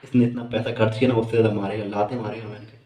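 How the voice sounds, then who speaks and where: A man's voice: fairly low pitch, flat delivery, racing, mellow, reverberant, slight background noise. Amused man telling a comic story. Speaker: stand-up comedian. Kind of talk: storytelling stand-up.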